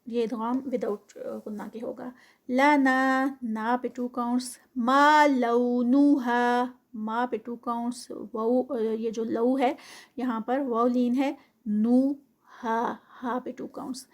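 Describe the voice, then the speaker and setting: High-voiced woman teaching tajweed. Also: level tone, darkish tone. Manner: slow drawn-out recitation alternating with quick explanation. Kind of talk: tajweed lesson, recites then explains.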